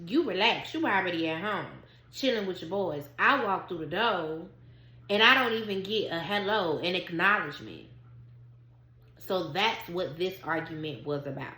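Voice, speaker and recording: A woman telling a personal story to her viewers in a casual, animated and emphatic way. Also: medium pitch, echoey room. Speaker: vlogger.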